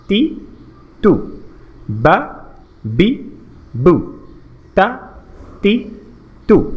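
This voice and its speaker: Patient male teacher, lively high voice. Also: slight background noise. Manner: patient, repeats syllables slowly for practice. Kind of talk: explaining a language lesson.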